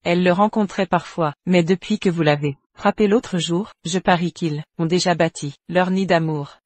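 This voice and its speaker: A woman's voice: fairly low pitch, steady tone, normal speed, a little mellow, no room sound, lightly acted. A woman playing a cold, vengeful young noblewoman. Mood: cutting. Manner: cold, cutting. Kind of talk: French drama dub.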